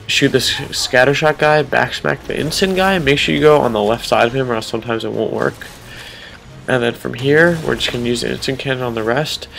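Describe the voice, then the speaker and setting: A man's voice: mid-range voice, gravelly, a little hiss or hum. Nasal young man explaining gameplay. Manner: relaxed, explanatory, frequent ums. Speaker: speedrunner. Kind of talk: casual gameplay commentary.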